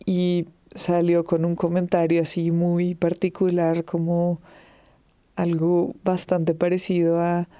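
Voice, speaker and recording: A woman answering interview questions in a measured, thoughtful way, pausing and restarting as she speaks. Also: lowish voice, monotone, mellow, clean tone, no echo.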